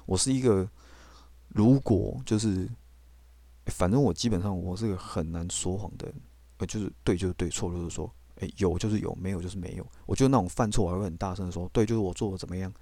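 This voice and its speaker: A man tells his own faith story bluntly and candidly, with the odd swear word. His voice sits low and his words come quickly. The recording is dry and close, with no room sound. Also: warm tone, no room sound. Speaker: podcast host. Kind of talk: personal faith testimony.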